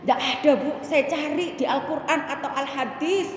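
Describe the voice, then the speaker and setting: High-voiced woman preaching in an echoey hall. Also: normal speed, background noise. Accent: Javanese. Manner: animated, asks the audience questions, slips into regional phrases. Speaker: preacher at a women's religious study circle. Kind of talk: sermon with storytelling. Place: hall of a religious gathering. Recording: echoey hall, dull lo-fi sound.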